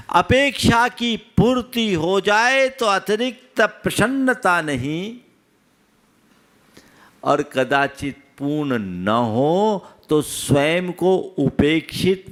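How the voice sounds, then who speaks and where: A man's voice: on the high side, gravelly, fairly bright tone. A man, a monk, giving a sermon that questions his listeners and teaches through everyday anecdotes. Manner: asks the audience rhetorical questions. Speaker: Jain monk preacher.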